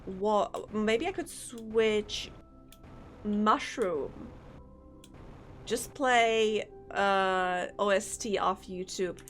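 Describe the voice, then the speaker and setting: Over faint game music, a woman live-streams a game, speaking very slowly in a mid-range, fairly bright voice. Her throat is a little sore as she rambles, thinks aloud, and chats casually with viewers.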